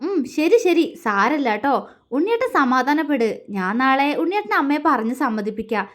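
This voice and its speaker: A gentle, playful young wife who coaxes and teases in a soft voice, as a woman storyteller puts her on. Her voice sits high and light. It is from a spoken storybook. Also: sing-song, moderate pace. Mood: coaxing. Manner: coaxing, teasing, soft.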